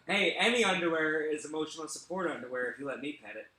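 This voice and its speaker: A man's voice: fairly high pitch, expressive, fast, sharp tone, roomy sound, slight background noise, poor audio. A man doing loose stand-up comedy on a live stream, with dry asides.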